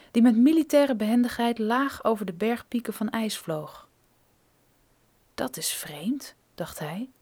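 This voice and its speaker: Woman reading a thriller audiobook, steady and measured, voice a bit high. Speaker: narrator.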